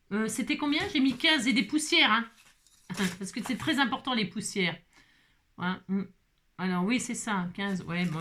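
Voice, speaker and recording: A woman's voice: medium pitch, a bit bright, a little hiss or hum. A woman casually narrating a papercraft tutorial, playful and teasing as she chats straight to her viewers. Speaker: papercraft vlogger.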